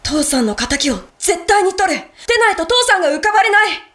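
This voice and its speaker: An actress voicing a brash, excitable young hero boy who keeps arguing with the story. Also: very high-pitched, a little fast, heavily acted. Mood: determined. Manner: loud, excitable, breaks the story to argue.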